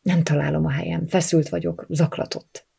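A woman narrating a first-person novel as an audiobook, in a measured, subdued manner. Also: deep voice, level tone, vocal fry, dark tone, breathy edge.

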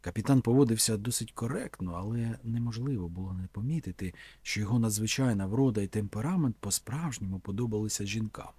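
Male narrator, husky and lowish, dry close sound, measured reading. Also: mellow, dry recording. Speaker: audiobook reader. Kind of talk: scripted narration.

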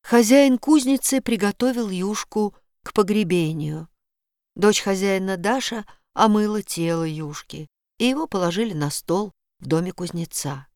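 A woman narrating a story in a measured, expressive reading. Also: medium pitch, no echo, clean studio sound. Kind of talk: audiobook narration.

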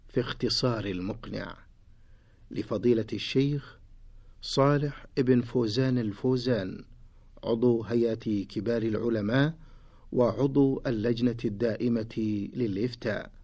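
A man's voice: medium pitch, normal speed, pauses often, darkish tone. A man reading a formal scripted radio program announcement in standard Arabic. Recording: dull lo-fi radio sound.

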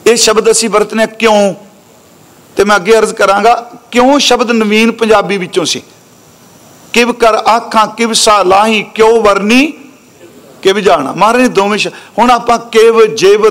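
High-voiced Punjabi preacher chanting verses. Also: male voice, a bit bright. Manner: slows to a drawn-out chant when reciting verses, then explains briskly; addresses listeners respectfully, correcting pronunciation. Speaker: Sikh preacher giving scripture exposition. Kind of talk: sermon with chanted scripture recitation.

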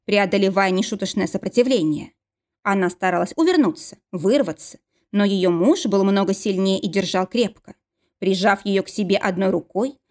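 A woman's voice: medium pitch, darkish tone. Woman narrating a novel. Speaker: audiobook narrator. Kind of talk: scripted narration.

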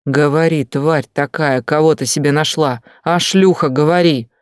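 A man doing a jealous shouting husband. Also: on the high side, fairly even intonation, normal speed, smooth, dry recording, clean studio sound, natural voice. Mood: furious. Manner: harsh, accusing, shouting. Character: angry jealous husband, middle-aged man.

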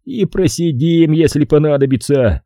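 A man reading an audiobook, voicing a cold, domineering male casino boss who speaks calmly and curtly. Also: a little high, normal speed, no room sound, studio quality, pitched above the performer's own voice, natural voice. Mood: menacing. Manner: calm, menacing and curt.

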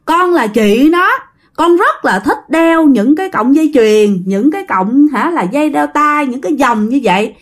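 A jealous ghost girl, put on by a woman narrator, in a spooky told story. The voice jumps far above the teller's own and stays shrill, wailing and demanding throughout. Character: jealous ghost girl possessing her little brother.

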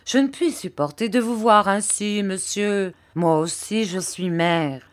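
A woman's voice: medium pitch, unhurried, lightly acted. Mrs Crupp, a woman voicing a nosy motherly landlady. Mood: coaxing. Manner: sentimental, insistent, repeats herself. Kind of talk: audiobook character reading.

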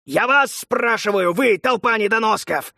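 A man voicing a brutal, furious male crime boss who snarls and shouts, in a storybook reading. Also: high-pitched, expressive, creaky, breathy edge, dry recording, clean studio sound, pitched above the performer's own voice, heavily acted. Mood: enraged. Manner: snarling, shouting, drawn-out threats.

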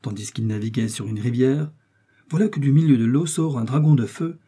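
A stubborn, blustering innkeeper, as a man reads him in an audiobook, who defends his books of knights with gusto. Dark, husky tone throughout. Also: mid-range voice, a little fast, lightly acted. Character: stubborn old innkeeper in love with chivalry books. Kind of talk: audiobook reading.

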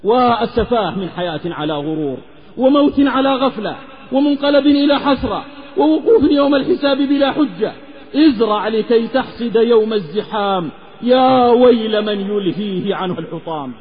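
A man's voice: very high-pitched, moderate pace. Male preacher from the Hijaz, fervent sing-song sermon delivery, long hall reverb. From Hijaz, Saudi Arabia. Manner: impassioned, half-chanted delivery. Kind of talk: Islamic sermon with a moral tale. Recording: lecture recording with long reverb, slightly dull.

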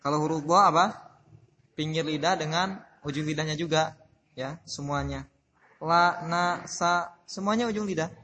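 A man's voice: a little high, normal speed, pauses often, bright, forceful tone. A man teaching Quran recitation in a study-circle lesson, explaining patiently, repeating his points and putting questions to his class. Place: religious boarding school classroom.

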